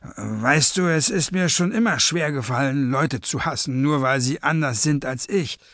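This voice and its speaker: A man voicing a calm male sorcerer who speaks in a dry, sardonic way in an audiobook. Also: mid-range voice, moderate pace, no echo, close to an everyday voice. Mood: wry. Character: wry, calm male sorcerer among villains. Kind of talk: audiobook character voice.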